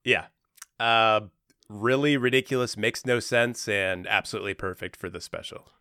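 A man's voice: fairly low pitch, fairly even intonation, moderate pace, pushed and bright, clean tone, no echo, clean studio sound. A young man chatting casually on a podcast, rambling and laid-back with lots of fillers. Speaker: podcast co-host, special guest. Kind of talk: casual chat.

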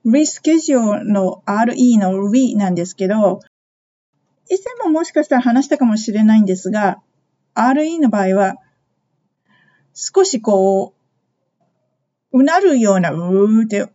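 A woman with a fairly high but mellow voice teaches English phrases in a podcast lesson. She explains slowly and models each phrase for listeners to repeat. The recording sounds a little dull and lo-fi.

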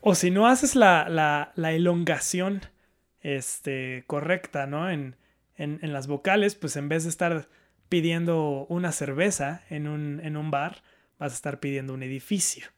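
Man, fairly high voice, measured and careful in chat. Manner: careful, measured, with some hesitations. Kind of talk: casual chat.

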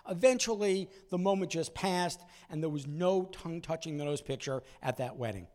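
A man in his sixties telling a personal story in an animated way, acting out voices and moments from it. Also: a little high, normal speed.

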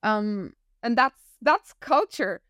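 A woman in her thirties with a northern German accent, a podcast guest telling her story in a reflective, animated way. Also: fairly high pitch, slow, dry recording, studio quality. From northern Germany, near Hamburg. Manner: reflective, animated storyteller who laughs often. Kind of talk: casual interview conversation.

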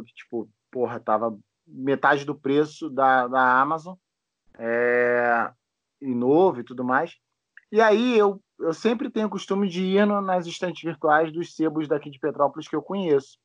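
A man's voice: medium pitch, a little slow, a bit bright, no echo. A Brazilian man hosting a podcast, chatting casually, rambling with many restarts and casual swearing. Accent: Brazilian Portuguese. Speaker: podcast host. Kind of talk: casual chat. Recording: dull lo-fi dry sound.

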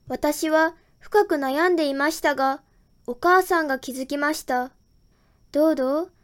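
A woman's voice: high-pitched, moderate pace, fairly bright tone. A woman reading a children's story aloud in the first person, in a plain storytelling manner. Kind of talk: scripted children's story narration.

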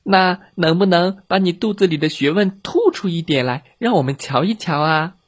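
A man's voice: no room sound, studio quality. A man voicing a group of naughty little chicks for a children's bedtime story, chirping and squealing. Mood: cheeky. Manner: high chirping, fast squeals. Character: shrill squeaky little chicks, cheeky and noisy.

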